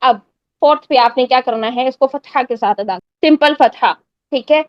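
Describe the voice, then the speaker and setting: A woman's voice: sits high, dry recording, highs cut off. A woman teaching a step-by-step pronunciation lesson, patiently repeating drill sounds and checking that listeners follow. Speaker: Quran recitation teacher.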